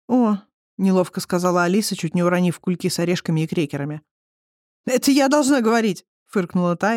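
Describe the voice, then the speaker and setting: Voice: medium pitch, no echo. Dry, close audiobook narrator. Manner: even storytelling reading. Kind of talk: scripted narration.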